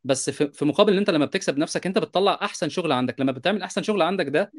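A man in his thirties with an Egyptian Arabic accent, co-hosting a podcast, telling animated stories in quick bursts and checking in with his listeners. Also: fairly high pitch. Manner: animated, rapid storytelling with repeated "you understand?" asides. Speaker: podcast co-host, software developer. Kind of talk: casual podcast discussion.

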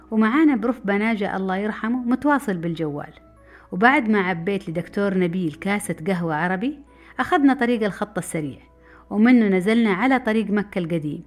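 Fast-talking middle-aged woman storyteller. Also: medium pitch. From Saudi Arabia. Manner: brisk, lively narration. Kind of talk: personal memoir storytelling. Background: faint background music.

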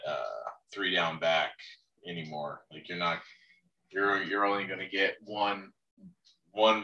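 A low-voiced man hosts a relaxed sports chat, often circling back and repeating himself. His tone is bright and forceful despite the depth. He sits back from the mic in an echoey room. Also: distant mic. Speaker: podcast host. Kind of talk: casual fantasy football chat.

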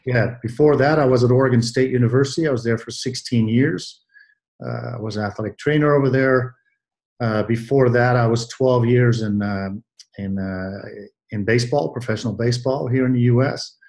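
A man in his sixties from Belgium, answering interview questions about his career in a measured way, with many pauses and restarts. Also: medium pitch, a little mellow. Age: 60s. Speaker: guest, athletic trainer.

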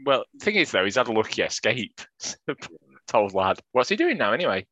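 A man's voice: mid-range voice, sing-song, normal speed, bright, forceful tone, no room sound. A man in his forties co-hosting a football podcast, chatty and self-mocking. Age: 40s. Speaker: podcast co-host. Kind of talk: casual football podcast chat. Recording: dry, dull lo-fi sound.

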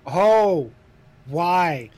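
A man in his mid-thirties co-hosting a podcast, chatting casually, animated and swearing freely. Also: high voice, drawn-out words. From Idaho, USA. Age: 30s. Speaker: podcast co-host. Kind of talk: casual chat.

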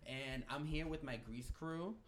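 A man's voice: medium pitch, unhurried, fairly bright tone. Male podcast host, campy drag-queen sass, mid-range voice, some background noise. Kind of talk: casual podcast chat.

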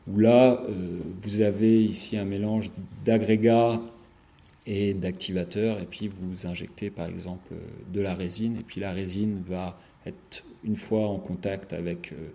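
A man lecturing over slides in a low, mellow voice. He pauses often, fills gaps with hesitations and restarts his phrases, checking in with his listeners as he goes. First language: French. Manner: hesitant, many fillers and restarts.

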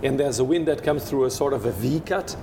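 This interview guest, a winemaker from Portugal who speaks Portuguese natively, talks fairly quickly about his craft. He repeatedly stops and begins his sentences again while searching for the words, and the audio carries steady noise and a low rumble.

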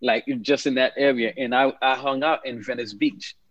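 In a dry, lo-fi recording, a man with a mid-range voice speaks at normal speed with fairly even intonation. He's in his fifties, originally from Haiti, and as an interview guest he relaxedly tells his life story, repeating words as he talks.

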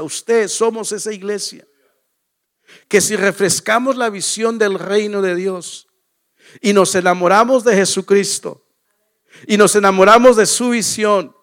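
A man preaching a sermon as pastor, his voice pitched high with a gravelly edge. He speaks emphatically, circling back to key phrases and putting rhetorical questions to the congregation.

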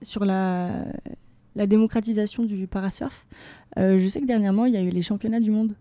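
A woman co-host asking a casual question, halting and restarting her sentences. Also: mid-range voice, steady tone, warm tone, no room sound. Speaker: co-host interviewer.

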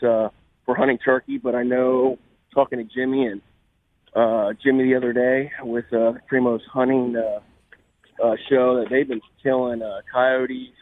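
Hesitant man on a tinny phone line. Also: mid-range voice. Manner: halting, many fillers. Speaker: caller from a hunting gear company. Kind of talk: casual phone interview. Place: at a trade show, on the phone.

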